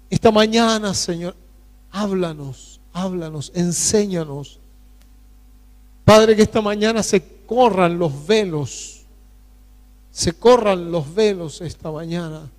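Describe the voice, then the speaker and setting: Male pastor, high and unhurried, pleading prayer in an echoing church hall. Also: a little mellow. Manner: fervent, pleading prayer with many pauses. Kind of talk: prayer during a sermon. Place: church sanctuary.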